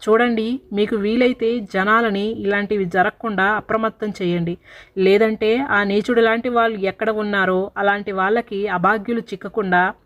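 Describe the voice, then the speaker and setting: A woman's voice: medium pitch, fairly even intonation, moderate pace, dull audio, natural voice. Grieving father, firm and weary, voiced by a woman storyteller. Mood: firm grief. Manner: firm, imploring.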